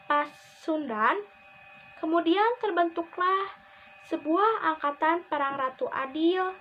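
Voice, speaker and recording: A young woman presenting a school history assignment, reading earnestly from notes with halting phrasing. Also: very high voice. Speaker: student presenter. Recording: dull lo-fi recording with faint hiss.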